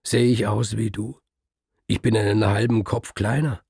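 A man's voice: lowish voice, level tone, normal speed, creaky, darkish tone, husky, no echo, clean studio sound, heavily acted. A man voicing a timid male letter writer in a spoken story, talking in a hesitant, pleading way. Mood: flustered.

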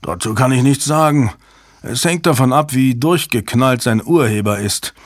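A man voicing a brash, loud male computer security chief who talks in a sarcastic, booming, scornful way. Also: moderate pace, no room sound, clean studio sound, close to an everyday voice.

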